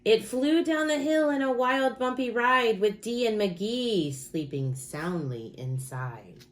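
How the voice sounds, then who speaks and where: A female teacher reads a rhyming picture book aloud to children, expressive and rhythmic, leaning on dramatic emphasis. Her voice is on the high side and her pace is slow.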